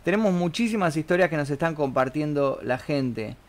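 A man's voice: a little high, animated, moderate pace. A man with a Buenos Aires Argentine accent, hosting a casual live stream and joking as he reads out viewers' messages. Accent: Buenos Aires Argentine Spanish. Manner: joking, slangy, reads chat messages aloud. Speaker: streamer reading viewer stories.

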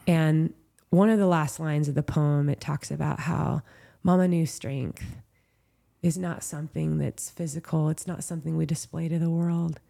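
A woman's voice: low voice, fairly even intonation, normal speed, creaky, warm tone. A woman in her thirties from Southern California, a professional trail runner telling a heartfelt story in an interview, candid and full of "like" and "you know". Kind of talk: emotional storytelling in a podcast interview.

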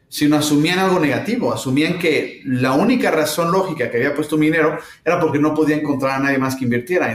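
A middle-aged man from Mexico with a Mexican accent, answering interview questions thoughtfully with many pauses and fillers. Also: fairly high pitch. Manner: thoughtful, hesitant with frequent fillers. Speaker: startup founder, guest. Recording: roomy echo.

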